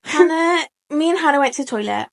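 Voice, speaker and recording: An eighteen-year-old woman, telling a story on a podcast in an animated way, laughing often and acting out what people said. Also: high voice, brisk, vocal fry. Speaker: podcast co-host. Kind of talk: casual storytelling chat.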